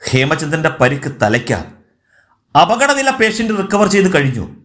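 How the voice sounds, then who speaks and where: A man voicing a gentle senior doctor in his fifties who explains things in a calm, measured way. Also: a little high. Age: 50s. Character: calm kindly male senior doctor, about fifty-five.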